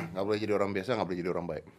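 Male podcast host, lower register, teasing quiz-master delivery. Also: sing-song, racing, a bit bright. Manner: teasing quiz-master, sets up a riddle step by step. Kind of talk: casual chat.

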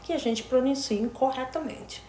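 A woman whose first language is Portuguese, co-hosting a casual chat, lively and quick to act out what people say. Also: high voice, a little hiss or hum. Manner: lively, acts out quoted speech, laughs easily. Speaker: co-host. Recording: roomy echo.

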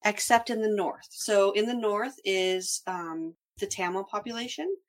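A woman's voice: medium pitch, a little slow. A woman in casual conversation, explaining things as a traveler recounting a trip.

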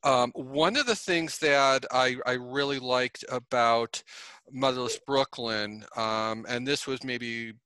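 A man hosting a casual film commentary, talking in halting bursts with many repeated words and restarts. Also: medium pitch, sharp tone, smooth, no room sound.

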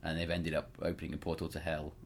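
Male podcast co-host, very deep voice, eager, rambling casual chat. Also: completely flat delivery, fast, gravelly. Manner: enthusiastic, trails off and restarts, quotes lines aloud. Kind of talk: casual chat about horror fiction.

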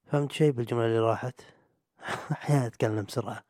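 A man's voice: mid-range voice, fairly even intonation, very fast, a little mellow, no room sound, studio quality. A young man, hosting a solo podcast in a rambling, chatty, self-mocking way. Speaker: podcast host. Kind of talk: solo casual podcast monologue.

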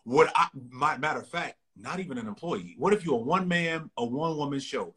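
A man with a slightly husky voice hosts a casual podcast conversation. He talks in an energetic, preachy motivational way, firing off rhetorical questions and pushing listeners to act. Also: on the high side, a little fast. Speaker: podcast host.

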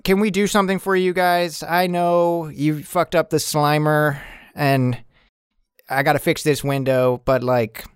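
A man's voice: a little high, steady tone, unhurried, clean tone, dry recording, studio quality. A man playing a tabletop game, chatting casually in character in a rambling, slangy way.

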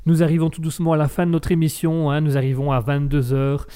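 A man's voice: fairly high pitch, monotone, fast talker, warm tone, clean tone. A man hosting a live show in casual, rambling chat, playful and self-mocking, often breaking into laughter.

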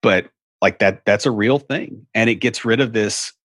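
In a dry, studio-quality recording, a middle-aged man with a Southern US Appalachian hillbilly accent casually explains things. His lowish, slightly bright voice moves at a moderate pace, folksy and wry, with rambling asides.

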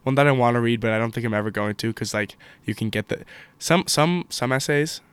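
Eager young male podcast host, dry and clear. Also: medium pitch, fairly quick, a bit bright, no echo. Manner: eager, stumbling, repeats words. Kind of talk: casual podcast chat.

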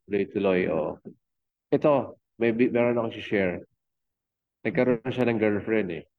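A man's voice: fairly low pitch, a little slow. A middle-aged man, a fitness coach and father, talking as a guest in a casual interview, rambling with many fillers and restarts. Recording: tinny phone-like line.

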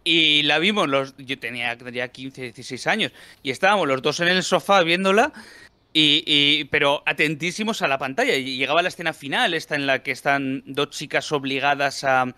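Joking podcast co-host, man, bright and a touch high. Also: brisk, no room sound. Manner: jokey anecdotes, playful teasing. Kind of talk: casual chat about films.

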